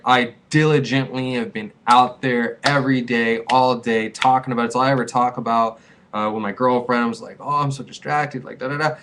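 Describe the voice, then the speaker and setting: This man in his twenties runs a small business and gives casual vlog advice to camera, earnest but rambling and repetitive. His voice has a medium pitch and a fairly bright tone.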